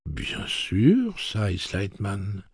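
A man's voice: mid-range voice, animated, a little slow, vocal fry, slightly rough, dry recording, studio quality, voice pushed up, exaggerated voice. A man voicing a prissy, condescending male robot with a suave, slightly effeminate manner, read as an audiobook character voice.

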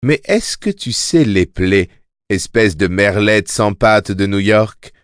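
A man's voice: fairly low pitch, animated, slow pace, smooth, no room sound, studio quality. A man voicing a crude, sneering male jester who mocks and insults, in an audiobook reading. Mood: mocking. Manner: mocking, insulting.

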